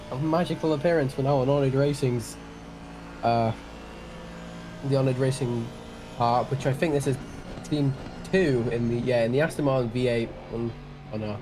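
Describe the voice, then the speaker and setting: A man's voice: mid-range voice, noisy background. Chatty Welshman commentating a sim race. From Wales. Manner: chatty and self-deprecating, often restarting sentences. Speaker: sim racing stream commentator. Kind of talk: live-stream race commentary.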